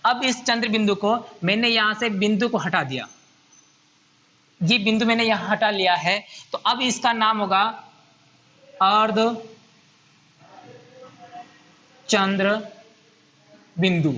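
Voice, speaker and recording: A man's voice: high voice, moderate pace, sharp tone, dull audio. A man teaching a grammar lesson at a whiteboard, patiently repeating and counting items aloud.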